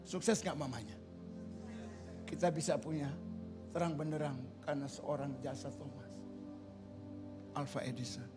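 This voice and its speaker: A male pastor preaching a lively, joking sermon in a church, acting out stories with sudden shouts. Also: mid-range voice, measured pace, pauses often, over music. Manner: animated, jokey storytelling with sudden shouts and voices. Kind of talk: lively sermon with acted-out anecdotes. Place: church sanctuary.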